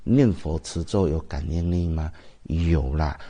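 Deep-voiced Taiwanese monk giving a chatty sermon. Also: male voice, unhurried, warm tone. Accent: Taiwanese Mandarin. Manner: chatty storytelling, rhetorical questions to the audience. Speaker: Buddhist master. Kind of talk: dharma talk sermon.

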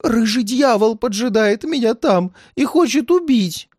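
A man's voice: high-pitched, wildly swooping pitch, measured pace, a little mellow, no room sound, studio quality, voice pushed up, exaggerated voice. A man voicing a frightened, paranoid old man who pleads in a shaky, tearful voice. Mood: frantic, fearful. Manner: frantic outbursts, near tears.

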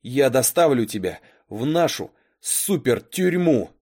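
A man's voice: mid-range voice, very animated, measured pace, a little mellow, voice pushed up. A man voicing a cocky masked young agent, commanding and threatening in a storybook reading.

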